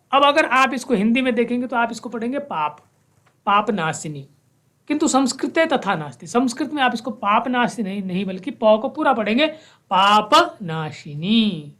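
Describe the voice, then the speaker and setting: A woman teaching a school lesson, reciting verses slowly and explaining how to pronounce each word. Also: a little high, a bit bright. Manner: slow, measured recitation of verses; explains pronunciation, mixing Sanskrit and Hindi. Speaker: Sanskrit teacher.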